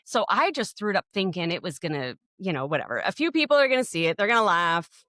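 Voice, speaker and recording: A woman's voice: fairly low pitch, very animated, quick pace, fairly bright tone, dry recording, clean studio sound. A woman, co-hosting a podcast, telling a story in a rambling way full of restarts and fillers. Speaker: podcast co-host. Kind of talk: casual podcast chat.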